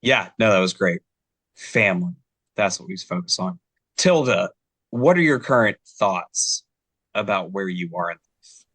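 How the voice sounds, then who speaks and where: Lively-voiced game master man. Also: on the low side, a little slow, dry recording. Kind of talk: narrating a tabletop game.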